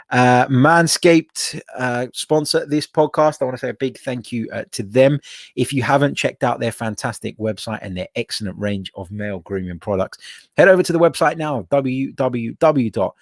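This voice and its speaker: A man's voice: on the low side, no echo, clean studio sound. A young man from England, hosting a live solo podcast and arguing his points emphatically, often repeating them for effect. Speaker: podcast host.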